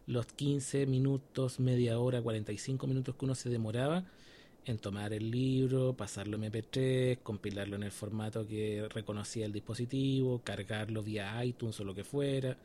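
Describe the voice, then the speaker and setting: A man's voice: mid-range voice, warm tone, a little hiss or hum. A Chilean man co-hosting a podcast in casual chat, explaining things step by step and checking in with his listeners. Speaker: podcast co-host.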